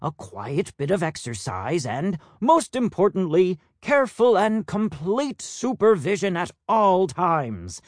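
A man's voice: sits high, big pitch swings, takes it slowly, hardly any pauses, a little mellow, no room sound, pitched above the performer's own voice, heavily acted. Hampstead, a fussy head peacock, lectures in clipped, insistent tones, as a man puts him on. His voice sits raised and a touch distant, with wide swings for emphasis, in a dry, close storybook reading. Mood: stern. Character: stern head peacock, fussy, strict and rule-bound.

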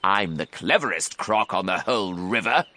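A man's voice: low voice, expressive, normal speed, pushed and bright. Enormous greedy crocodile for a storybook , performed by a man: sly braggart, gloating, widely swooping delivery. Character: huge greedy boastful scheming male crocodile. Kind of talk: children's storybook character reading.

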